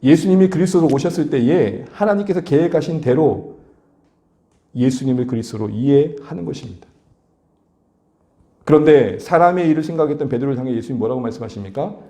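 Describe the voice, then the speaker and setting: A male pastor preaching a sermon, asking the congregation questions and building to animated emphasis. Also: medium pitch, a little fast, echoey room. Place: church sanctuary.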